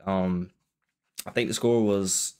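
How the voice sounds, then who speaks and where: A young man giving casual post-game football commentary, keeping it restrained and quiet late at night, often repeating and rephrasing his points. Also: low voice, steady tone, slow pace, clean tone. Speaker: sports vlogger.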